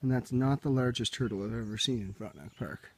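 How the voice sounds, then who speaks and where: A young man with a medium, darkish voice speaks quickly as he vlogs a hike on a handheld camera. Easygoing and talkative, he shows the viewer sights on the forest trail and at his campsite.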